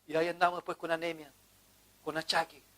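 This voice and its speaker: A man's voice: on the high side, little pitch movement, fast, bright, forceful tone. A man preaching a sermon as pastor, in an impassioned, pleading manner.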